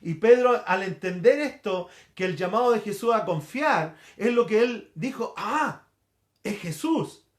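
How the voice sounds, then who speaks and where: A middle-aged Chilean pastor delivers a sermon in a high, bright-sounding voice. He tells the story vividly and jumps into the voices of the people in it. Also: moderate pace, few pauses. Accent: Chilean Spanish. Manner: animated storytelling, acts out the quoted lines.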